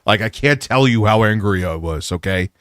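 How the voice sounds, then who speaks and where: A man's voice: fairly low pitch, expressive, a bit bright, no echo, studio quality. A man streamer telling an angry story in a heated, profane rant. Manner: heated, profane, fast venting.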